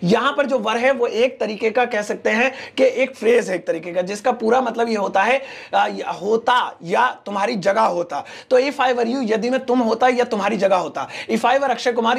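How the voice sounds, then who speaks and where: A man with an Indian accent teaches English online, working through viewer questions one by one. His voice sits high and carries a strong gravelly fry, and he explains patiently, moving between Hindi and English examples.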